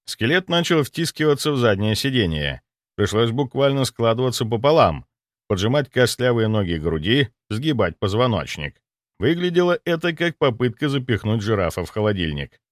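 Lively male audiobook narrator. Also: medium pitch, moderate pace, dry recording, clean studio sound. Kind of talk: first-person audiobook narration.

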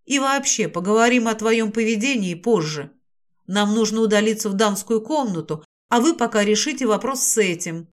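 A commanding young woman who takes charge and looks after her friend, as a woman reader puts her on. Her voice is firm and steady at a middle pitch. She speaks with calm authority in an audiobook. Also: normal speed, close to an everyday voice. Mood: stern. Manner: firm, scolding then soothing. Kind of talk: audiobook character voice.

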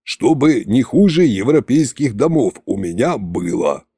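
A man reading an audiobook, voicing a weary, grumbling old tsar-sorcerer who speaks low, slow and resigned. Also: animated, warm tone, breathy edge, no echo, clean studio sound.

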